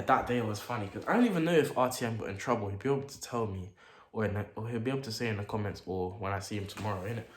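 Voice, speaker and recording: A young man, telling a story to camera in a casual, animated way, full of slang and acted-out reactions. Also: mid-range voice. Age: late teens. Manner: animated, slang-heavy, acts out his own reactions. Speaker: vlogger. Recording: echoey room with faint noise.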